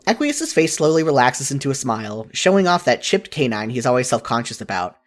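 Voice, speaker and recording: Fairly quick and medium-pitched, a narrator expressively reads a story written in the second person, fan fiction audiobook style.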